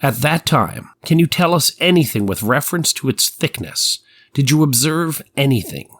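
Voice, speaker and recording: Here the prosecuting attorney from the 1890s is voiced by a man of medium pitch who swings widely up and down, keeps a moderate pace, and sounds slightly bright. He questions a witness precisely, formally, and methodically, giving this dramatized courtroom transcript reading a probing, formal mood.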